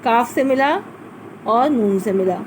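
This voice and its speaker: The speaker, a woman who teaches Urdu to primary school children, spells out letters step by step with patience during a recorded class. Her voice is a little high, and the audio is poor with slight background noise.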